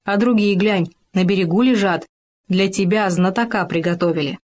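A woman's voice: mid-range voice, normal speed, natural voice. Woman doing a clever lil hamster guy from a storybook, peaceable and eager. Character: calm clever male hamster.

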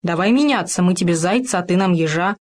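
A woman voicing a calm, clever male hamster in a storybook, eager and peaceable. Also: fairly low pitch, quick pace, lightly acted.

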